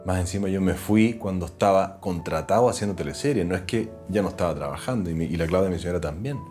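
A man with a Chilean Spanish accent speaks in a fairly low voice, earnest and animated as he tells his story. He sits as a guest in a relaxed interview and acts out other people's voices when he retells a scene. Faint guitar music plays underneath. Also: quick pace. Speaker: interview guest, actor and TV presenter. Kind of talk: reflective conversational storytelling.

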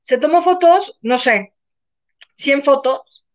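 A Mexican woman tells a story on a casual live show, bringing the people in it to life as she talks. Her voice sits high, and the recording sounds dull and lo-fi. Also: slow. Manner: animated, acts out voices in her anecdotes. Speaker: co-host. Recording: muffled lo-fi sound.

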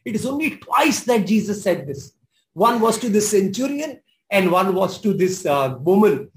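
A pastor delivers a sermon in a high voice. He stresses and repeats his main points and breaks into exclamations. A faint hiss sits under the recording. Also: big pitch swings, moderate pace, low-quality recording. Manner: emphatic, repeats key phrases, exclaims.

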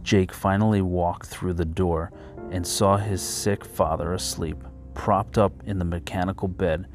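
Deep-voiced male story narrator. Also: steady tone, unhurried, soft background music.

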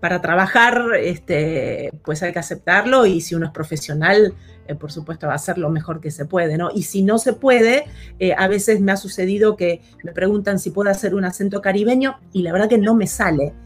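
A woman from Argentina, an actress, chatting as an interview guest in a thoughtful way, often pausing with fillers. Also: medium pitch, slightly rough, soft background music. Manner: thoughtful, many hesitations and fillers. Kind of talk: casual interview chat.

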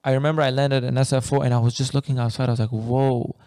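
Fast and flat yet warm in tone, this young Afghan podcast co-host has a mid-range voice and drifts through casual, rambling talk peppered with "bro" and "man." The recording is studio quality without echo.

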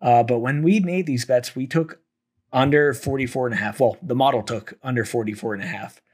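Brief: young male podcast host, solo sports picks, hoarse from talking, um-heavy. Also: mid-range voice, a little fast. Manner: thinks aloud with frequent fillers and restarts. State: losing his voice. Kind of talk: solo sports betting talk.

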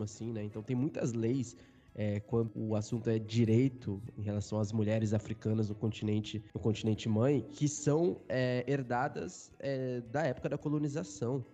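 Man, podcast co-host, dark warm tone, reflective, fillers. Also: mid-range voice. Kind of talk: casual discussion.

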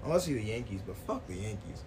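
A man co-hosting a casual sports podcast, teasing and laughing, with loud bursts of excitement. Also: on the low side, fast talker, slight background noise. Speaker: podcast co-host.

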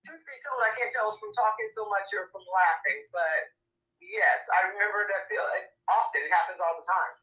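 A woman co-hosting a casual chat, talking in an animated, lively way with many fillers. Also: mid-range voice, fairly quick, poor audio. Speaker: co-host.

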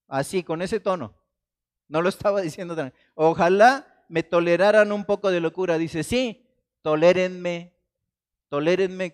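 A man from Mexico with a high-pitched voice preaches a Sunday sermon. He swings between raised, forceful emphasis and quiet, hushed quotations of scripture. The delivery is dramatic and personal. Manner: dramatic, shifts between loud emphasis and soft quoted asides. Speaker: pastor. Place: church.

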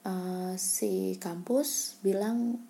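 Brief: a woman interviewee with a dark, gravelly voice, candid and soft-spoken, often dropping to a half-whisper. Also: mid-range voice, fairly even intonation, extremely slow. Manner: candid, many fillers and restarts. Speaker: interviewee, scholarship student abroad. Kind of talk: reflective personal story in an interview.

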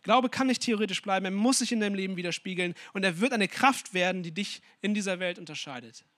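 A man preaching a sermon, speaking emphatically with strong swings in loudness and putting questions straight to his listeners. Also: high-pitched, fast, no echo. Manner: addresses listeners directly with questions.

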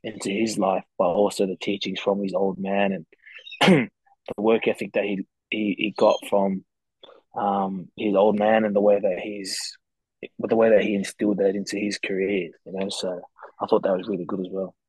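A man's voice: on the low side, moderate pace, a little mellow, slightly rough, no echo, poor audio. A man chatting casually as a rugby player guest, laid-back and matey with slangy talk. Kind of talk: casual interview chat.

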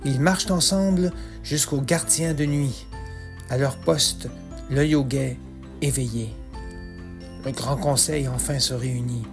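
Slow, measured male storyteller. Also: medium pitch. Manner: slow, measured, rhythmic delivery. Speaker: narrator. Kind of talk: rhymed storytelling narration. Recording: soft music underneath.

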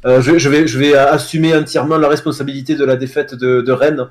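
A man's voice: medium pitch, level tone, fast talker. A man with a Southern French accent in a casual football chat, hesitant and restarting his sentences. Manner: hesitant, many restarts, laughs easily. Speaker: co-host of a football show.

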